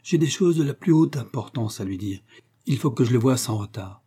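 A man's voice: medium pitch, animated, a little fast, mellow, slightly rough. A man reading the part of a cheerful young male servant, eager and exclamatory.

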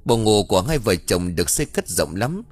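A man narrating a ghost story audiobook with dramatic, expressive delivery. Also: on the low side, fairly quick.

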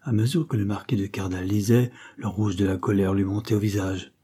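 A man narrating a classic novel as an audiobook, with a measured, literary storytelling delivery. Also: on the low side, fairly even intonation, mellow, breathy edge. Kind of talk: scripted narration.

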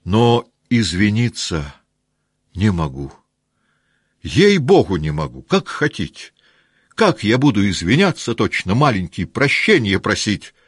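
A man's voice: extremely low pitch, expressive, slow, pauses often, husky, no room sound, studio quality, heavily acted. A man voicing a proud young count, earnest and flustered, pleading with his fellow officers.

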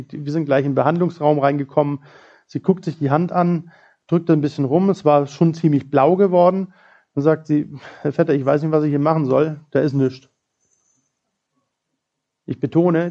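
Male preacher, fairly high pitch with a gravelly edge, earnest storytelling sermon, dull lo-fi church recording. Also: warm tone. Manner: earnest storytelling with quoted prayers.

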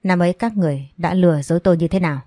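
A woman's voice: lowish voice, racing, dark tone, dry recording, studio quality, close to an everyday voice. A woman voicing a bitter middle-aged woman. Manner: accusing, resentful.

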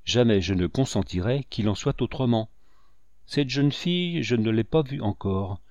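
A man's voice: medium pitch, lively intonation, moderate pace, a little mellow, no echo, muffled recording, lightly acted. A man voicing a devoted, remorseful male captain, speaking humbly and pleadingly. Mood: pleading, contrite.

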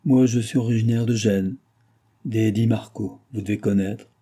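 Man voicing a poised proud woman, middle-aged, composed, dark husky voice, audiobook. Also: on the low side, fairly even intonation, moderate pace.

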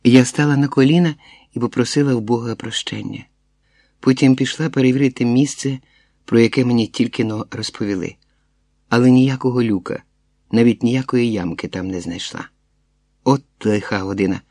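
A man reading a literary short story aloud in a measured, steady way. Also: mid-range voice, no echo, studio quality. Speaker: audiobook reader. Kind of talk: literary narration.

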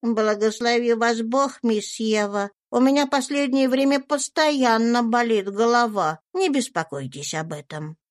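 A woman voicing a kindly, humble older woman servant who speaks gently and deferentially, in a storybook reading. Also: on the high side, measured pace, hardly any pauses, pitched above the performer's own voice, close to an everyday voice.

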